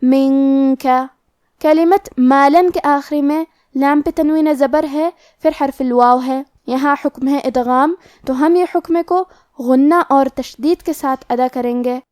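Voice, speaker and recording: High-voiced woman teaching Quran recitation. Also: steady tone, darkish tone, no echo, clean studio sound. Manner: explains each rule plainly, then recites words slowly. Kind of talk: tajweed lesson with slow recitation.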